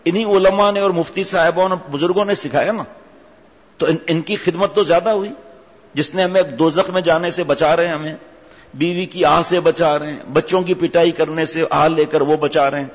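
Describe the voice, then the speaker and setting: A man's voice: fairly high pitch, fairly even intonation. Emphatic man preaching in an echoing hall. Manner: emphatic, rhetorical, scolding. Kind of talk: sermon. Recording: dull audio with long hall reverb.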